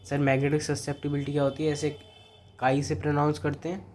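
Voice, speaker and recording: A man's voice: a little high, monotone, fast, darkish tone, a little hiss or hum. A man with an Indian accent, teaching a physics revision lecture step by step and talking to students familiarly. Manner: explains step by step, addresses students as beta and bhai.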